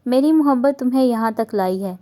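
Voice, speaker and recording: A woman's voice: a little high, dark tone, lightly acted. A woman voicing a young husband in a romance novel reading, teasing and earnest by turns. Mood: affectionate.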